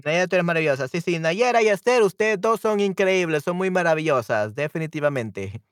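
A man hosting a live-stream language lesson, cheerful and quick to laugh, repeating phrases slowly and switching between two languages. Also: a little high, expressive, no echo, clean studio sound.

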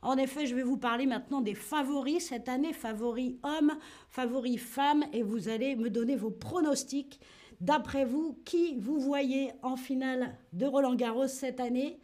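A woman giving a live online French lesson. She talks in a lively way, acts out tennis shots with grunts, and answers chat viewers by name. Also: high-pitched, normal speed. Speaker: French teacher.

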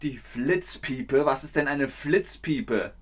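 This man, from northern Germany and carrying its accent, teaches a playful language lesson over a livestream and bursts out loudly as he acts out insults. His medium-pitched voice is animated, slow-paced, and has a breathy edge.

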